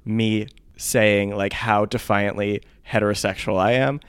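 A man's voice: on the low side, fairly even intonation, smooth, no room sound. A man in his thirties, a podcast co-host, chatting casually and poking fun at himself. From United States. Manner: chatty, self-mocking, quick asides. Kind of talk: casual chat.

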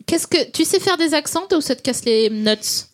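A woman's voice: sits high, expressive, normal speed. A woman in casual chat, joking and rambling off into absurd tangents.

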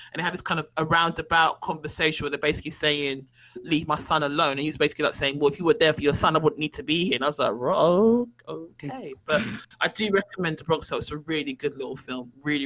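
A man, co-hosting a casual film chat and retelling scenes in an animated way. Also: on the high side, fast, rough recording. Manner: animated storytelling, acts out quoted lines. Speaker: podcast co-host.

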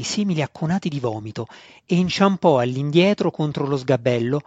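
A man narrating a fantasy audiobook in a steady, expressive way, with a voice on the higher side. The recording is dry and a little dull, with no room sound. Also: no echo. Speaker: audiobook reader.

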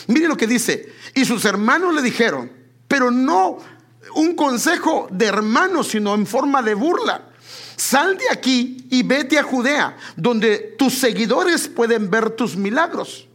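Animated husky-voiced male preacher. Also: high voice. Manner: animated preaching, addresses listeners as beloved brother. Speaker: pastor. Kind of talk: sermon.

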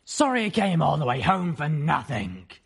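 A man voicing a cold, dismissive female griffin commander who speaks flatly. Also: fairly high pitch, normal speed, gravelly, husky, pitched above the performer's own voice, exaggerated voice. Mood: cold, curt. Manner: flat and curt.

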